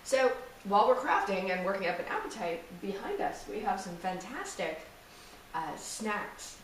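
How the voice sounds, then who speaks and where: Upbeat woman craft co-host, giggly, far from the mic in a boomy space. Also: animated, moderate pace. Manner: enthusiastic, giggly, lots of agreeing hums. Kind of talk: casual crafting chat. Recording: echoey room, distant mic, faint background noise.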